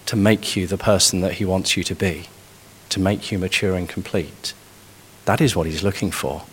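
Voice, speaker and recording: A man's voice: deep voice, husky. A man preaching a sermon in an earnest, emphatic way, pressing hard on key points.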